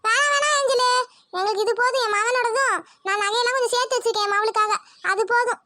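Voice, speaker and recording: A woman's voice: very high voice, fairly even intonation, quick pace, bright, forceful tone, no room sound, clean studio sound. A woman voicing an anxious, devout middle-aged mother in a cartoon who scolds and wails. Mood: fretful. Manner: scolding, wailing and fretful. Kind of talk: cartoon voice acting.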